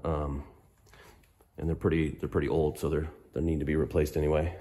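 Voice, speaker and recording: His voice very deep and warm but hoarse from a cold, a middle-aged man who does off-road fabrication talks through his projects in a garage workshop. There's little pitch movement as he goes slowly and casually, hesitating with frequent ums. A handheld phone camera captures the casual technical walkthrough.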